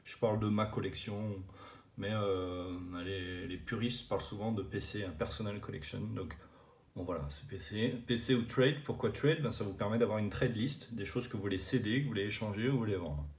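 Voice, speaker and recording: Low-voiced man explaining his cards. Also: moderate pace. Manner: chatty, many fillers and restarts. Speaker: card collecting channel host. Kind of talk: casual explainer showing cards to camera.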